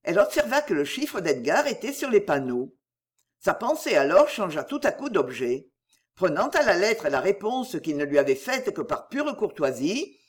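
Expressive, husky audiobook narrator. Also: mid-range voice. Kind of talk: scripted narration of a classic novel.

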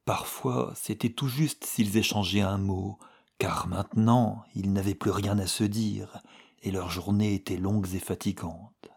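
A man narrating a story as an audiobook reading, with grave, measured storytelling. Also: lowish voice, fairly even intonation, gravelly, a little mellow, husky.

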